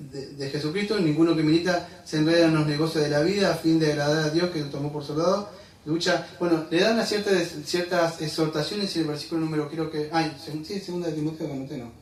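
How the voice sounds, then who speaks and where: Preacher in an echoey hall. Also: male voice, on the high side, steady tone, fast talker. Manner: preaching with rhetorical questions, addressing listeners as "amado". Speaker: pastor. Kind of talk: sermon. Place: church sanctuary. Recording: echoey church hall, from a distance.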